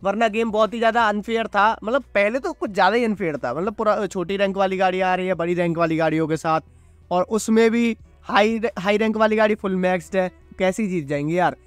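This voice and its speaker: A man giving chatty, excited commentary on his mobile racing gameplay and calling himself "your brother.". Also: high voice, brisk, no echo. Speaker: mobile gaming YouTuber. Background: loud game music.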